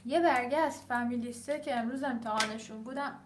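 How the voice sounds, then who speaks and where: A young adult woman with a Persian accent, an English teacher talking casually while she grades her students' papers, reading items aloud slowly and then explaining quickly. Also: fairly high pitch, a little hiss or hum. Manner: switches between slow read-aloud and quick explaining.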